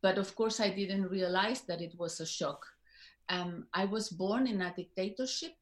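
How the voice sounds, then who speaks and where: A woman in her fifties with a Spanish accent speaks reflectively, pausing and restarting her sentences as she searches for words. Her voice sits in a middling range and carries a noticeable room echo. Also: medium pitch. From Spain. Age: 50s. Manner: reflective, halting with many fillers and restarts. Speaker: guest. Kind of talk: interview conversation.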